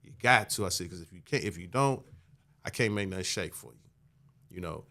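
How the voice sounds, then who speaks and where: Calm, measured man in his fifties. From Michigan, USA. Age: 50s. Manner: calm and measured, low-key, frequent "you know" asides. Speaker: podcast guest. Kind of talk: conversational storytelling.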